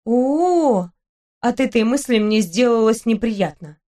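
A woman reading a first-person story aloud as audiobook narration, with expressive, lively delivery. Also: fairly high pitch, moderate pace.

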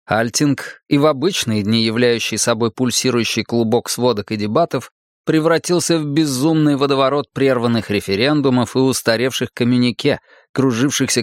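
A man narrating a first-person audiobook in a measured, dramatic reading. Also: mid-range voice, no echo, studio quality.

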